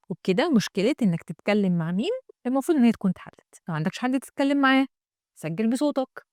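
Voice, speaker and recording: Egyptian woman English trainer; fast, bright-pitched, dry close delivery, chatty teacher manner. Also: no room sound. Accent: Egyptian Arabic. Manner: lively, addresses the viewer directly, models English phrases slowly. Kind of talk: online English lesson.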